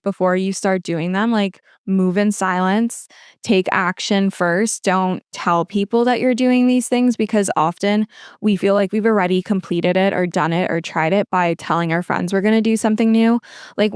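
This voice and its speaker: Smooth-voiced woman giving casual advice. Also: mid-range voice, no room sound, studio quality. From lives in Toronto. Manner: chatty, filler-heavy with frequent "like". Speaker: podcast host answering listener questions.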